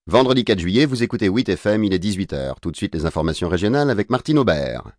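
A regional radio news announcer reading bulletins in a formal, measured way, as a man puts him on in an audiobook. The voice sits low and the sound is dry and close. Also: lively intonation, dry recording, lightly acted.

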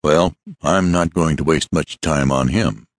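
A man's voice: extremely low pitch, a little slow, dry recording, studio quality. A man reading a story aloud, voicing a young inventor who speaks plainly and warily. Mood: wary. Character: young male inventor, cautious and wary.

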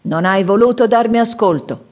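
Booming, bitter old father in an audiobook, read by a woman, pitched up and loud. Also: normal speed, natural voice. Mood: gruff, scolding. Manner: booming, scolding, sighing. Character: gruff aging widower father, loud, bitter, mocking.

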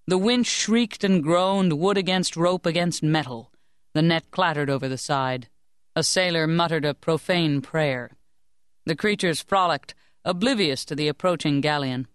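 A woman narrates an audiobook in a measured, even storytelling manner. Her voice is smooth and resonant, set close to the mic in a dead, dry booth with no room sound. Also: sits low, no room sound. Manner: measured, even storytelling that lifts and sharpens for shouted lines. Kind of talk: scripted narration of a historical fantasy novel. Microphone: close studio microphone.

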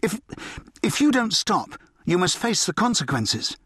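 A man's voice: high voice, big pitch swings, unhurried, a bit bright, husky, no echo, studio quality, pitched above the performer's own voice, full character voice. A man voicing a brave, decent schoolboy who speaks with polite earnestness. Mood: earnest. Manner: courteous, earnest.

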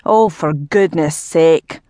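A woman reading an audiobook voices an irritable, gruff nobleman who barks his words impatiently. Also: low-pitched, moderate pace, darkish tone, dry recording, studio quality, natural voice. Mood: irritated. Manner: barking, impatient.

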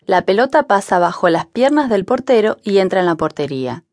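Woman, audiobook narrator, clear measured reading, lively pitch, dry close studio sound. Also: no room sound. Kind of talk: scripted narration.

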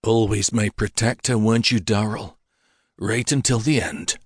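A man's voice: on the low side, moderate pace, husky, no echo, studio quality. A man voicing a stern male king. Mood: grieving. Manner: hushed, then hard and snarling. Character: grieving, commanding male king.

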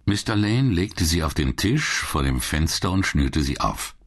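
A man narrating a classic crime audiobook in a measured, expressive reading style. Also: sits low. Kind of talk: scripted narration.

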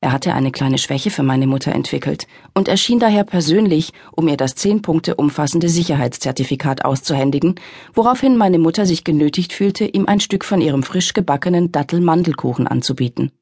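A woman's voice: sits low, animated, brisk, darkish tone, breathy edge, no room sound. A woman narrating an audiobook in the first person, in a wry, exasperated storytelling manner, on a close studio mic.

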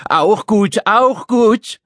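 A man voicing a tiny, excitable and impatient pink male creature in a children's audiobook, chattering nonstop in a whiny, fussy way. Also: high voice, measured pace, slightly rough, dry recording, clean studio sound, voice pushed up, full character voice. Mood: shrill.

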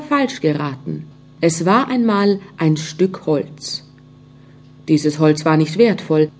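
A woman narrating a children's storybook audiobook, speaking gently and addressing young listeners directly. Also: on the low side.

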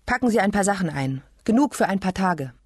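A woman reading an audiobook, voicing a cold male official who gives brisk orders. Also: mid-range voice, expressive, darkish tone, slightly rough, no echo, studio quality. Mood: curt.

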